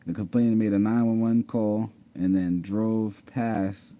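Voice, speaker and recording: A man's voice: on the low side, level tone, unhurried, mellow. Dude telling his story to viewers, loose and chatty, lots of "mind you". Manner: conversational, repeats himself, laughs often, says "mind you". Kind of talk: casual storytelling over screen share.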